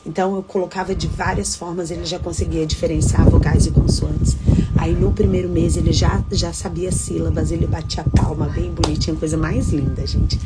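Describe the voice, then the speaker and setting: Expressive woman telling a heartfelt story. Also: fairly low pitch, low-quality recording. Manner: expressive, animated, addresses listeners directly. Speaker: teacher sharing a testimony in a women's devotional. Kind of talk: casual heartfelt storytelling to a group. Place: home.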